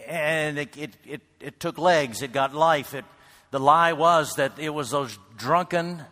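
Male pastor preaching slow, bright tense voice, long echo off a big hall. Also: fairly high pitch. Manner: builds to loud shouts, then drops to a hush. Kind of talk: sermon. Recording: reverberant hall.

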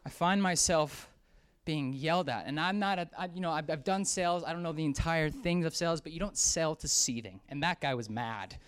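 A man preaching a sermon through a personal story, animated and acting out the voices of the people in it. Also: fairly high pitch, brisk, smooth.

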